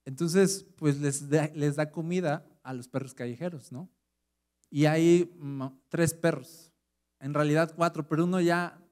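A middle-aged man preaches a sermon with a Mexican Spanish accent, in a casual, conversational way. He keeps asking his listeners rhetorical questions. His voice sits a little higher than most men's. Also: a little mellow, clear, resonant tone. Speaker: pastor.

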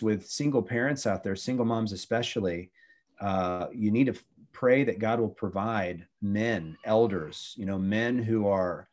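A man's voice: fairly low pitch, darkish tone. A middle-aged man, a former youth pastor, talking about faith and family in an earnest, preachy way with many restarts.

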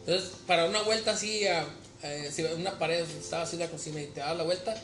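A man in a casual chat, excited and stammering on restarts. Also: fairly high pitch, quick pace. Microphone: phone. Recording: echoey room, music behind.

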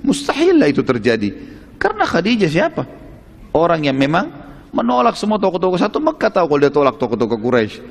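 Fast-talking male preacher. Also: on the high side, vocal fry. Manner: lively storytelling, acting out dialogue, frequent "gitu kan". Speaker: Islamic preacher. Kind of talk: sermon storytelling. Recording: reverberant hall.

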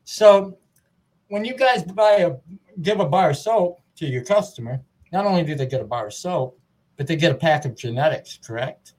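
A man's voice: on the high side, animated, normal speed, a little mellow. A man hosting a casual podcast interview, friendly, chatty and easygoing. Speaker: podcast host.

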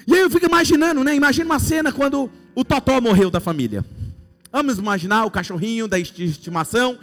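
A man's voice: extremely high pitch, lively intonation, fast. A man with a Brazilian Portuguese accent preaching a sermon, telling playful stories and acting out imagined scenes.

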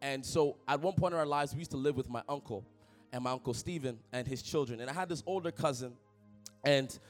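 With soft background music, a young pastor from Toronto, Canada, gives a sermon built on personal storytelling, animated and jokey as he calls out to the congregation. His medium-pitched voice moves briskly.

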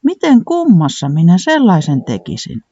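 A man's voice: fairly high pitch, huge pitch swings, mellow, husky, no room sound, muffled recording, voice pushed up, heavily acted. A man voicing a small, timid storybook creature who longs to fly and speaks hesitantly and cautiously.

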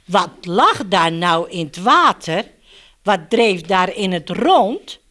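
A woman's voice: on the low side, slow pace. A woman reading a picture book aloud to children and talking to them directly as she turns the pages. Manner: animated, addresses children directly. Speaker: children's story reader.

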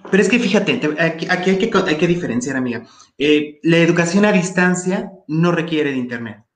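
A man's voice: fairly high pitch, lively intonation, a little fast, echoey room. A man with a Mexican accent, speaking emphatically in an interview about education and repeating his key phrases. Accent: Mexican Spanish. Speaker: education guest. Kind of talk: opinionated interview talk.

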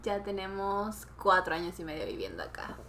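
A woman's voice: medium pitch, big pitch swings, normal speed, pushed and bright, slight background noise. A young woman from Venezuela talks as a guest. Her voice sits in an ordinary middle range. She speaks steadily and matter-of-factly. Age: young adult. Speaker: guest, student. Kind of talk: casual chat.

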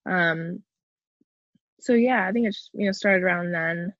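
A young adult woman, a guest in a casual interview, talking hesitantly with frequent pauses over low-quality video-call audio. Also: fairly bright tone, no room sound, highs cut off.

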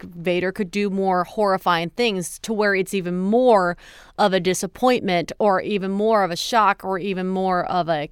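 A woman's voice: medium pitch, smooth, no room sound, studio quality. A woman co-hosting a podcast in casual chat, speculating in long run-on sentences. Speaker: podcast co-host.

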